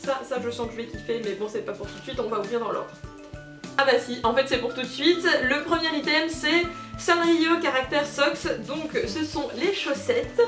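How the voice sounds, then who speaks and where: Bubbly high-voiced young woman. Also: fairly even intonation, normal speed. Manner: bubbly, gushing, self-mocking, with many fillers. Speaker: unboxing video host. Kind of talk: casual unboxing chat. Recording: roomy, distant, with music behind.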